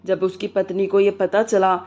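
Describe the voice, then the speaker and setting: A woman's voice: medium pitch, completely flat delivery, normal speed, a little mellow. Woman narrating a comic folk tale. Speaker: storyteller.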